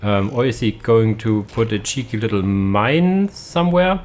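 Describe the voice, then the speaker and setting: A man's voice: lowish voice, unhurried, a little mellow, a little hiss or hum. A young man giving casual, hesitant commentary on a strategy game match, with many fillers and restarts. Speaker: caster.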